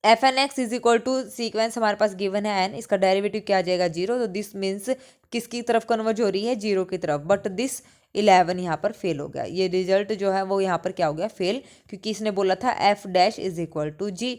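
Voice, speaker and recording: At a moderate pace, a woman with a mid-range, slightly mellow voice teaches exam-prep mathematics. She slips English math vocabulary into her Hindi, supplies answers to her own questions, and reiterates key ideas.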